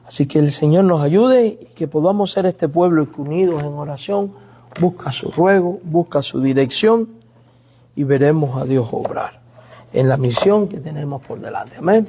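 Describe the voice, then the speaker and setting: Husky Latin pastor preaching with stories. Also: male voice, a little high, animated, normal speed, dark tone. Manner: storytelling preacher, acts out quoted pleas. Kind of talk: sermon.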